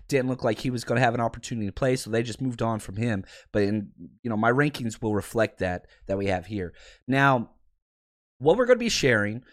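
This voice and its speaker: A man with a raspy, hoarse voice that he is losing, hosting a podcast with casual, rambling sports talk to his listeners. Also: medium pitch. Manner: animated, rambling, conversational. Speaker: podcast host.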